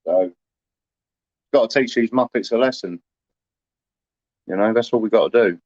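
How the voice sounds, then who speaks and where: A man's voice: lowish voice, moderate pace, a little mellow, no room sound, highs cut off. A man, chatting casually to livestream viewers in a rambling, aggrieved way, full of "you know".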